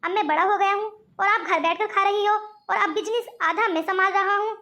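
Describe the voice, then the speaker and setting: A woman's voice: very high voice, a little fast, bright, forceful tone. Woman voicing a young businessman grandson. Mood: coaxing. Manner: affectionate and questioning. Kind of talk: cartoon voice acting.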